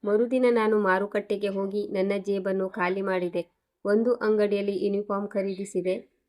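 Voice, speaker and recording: A woman narrating a first-person moral story in a steady, earnest, scripted way. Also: mid-range voice.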